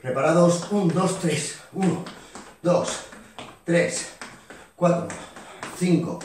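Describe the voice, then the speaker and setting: A man leads a workout class, counting each rep and encouraging everyone, sometimes short of breath. His voice sits a little high and moves at an unhurried pace. He sounds distant the microphone in a roomy, echoing sports hall with faint noise. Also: animated. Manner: counting reps aloud, encouraging, out of breath at times. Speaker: fitness instructor. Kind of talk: leading an exercise class. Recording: echoey gym hall, voice from off the mic.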